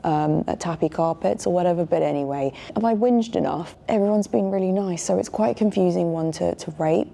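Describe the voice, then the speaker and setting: A woman, casually reviewing a hotel stay in a chatty, candid vlog from her hotel room. She often slips into soft, near-whispered asides. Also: sits low, vocal fry, a little hiss or hum. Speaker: hotel and food reviewer, channel host. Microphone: small wireless clip-on mic.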